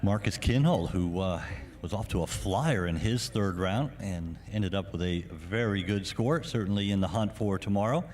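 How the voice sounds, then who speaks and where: A man giving live golf commentary, filling in on players in an informative, measured way. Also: on the low side, darkish tone.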